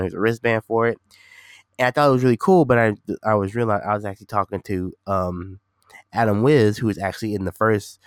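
A man's voice: fairly low pitch, smooth, dry recording, studio quality. A man hosting a casual solo podcast, rambling informally and repeating himself, sounding nasal and a bit congested from being sick. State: slightly sick with a stuffy nose. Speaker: podcast host and gaming streamer.

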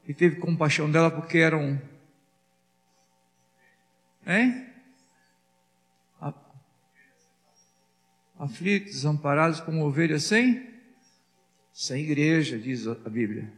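High-voiced preaching man, hall reverb. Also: fairly bright tone. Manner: rhetorical questions to the congregation. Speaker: pastor. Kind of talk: sermon.

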